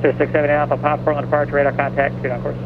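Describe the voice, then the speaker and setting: A man's voice: a little high, flat delivery, very fast. A man working as a departure controller, giving radio instructions heard over a pilot headset. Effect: aviation radio over a pilot headset. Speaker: departure air traffic controller. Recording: tinny radio band, engine noise.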